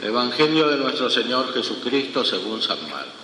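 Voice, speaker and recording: A priest's medium-pitched male voice rises and falls in a sing-song way as he reads the Gospel and preaches a homily. His delivery is slow and measured, with long pauses. The large church adds long echoing reverb, and a faint room hum sits underneath.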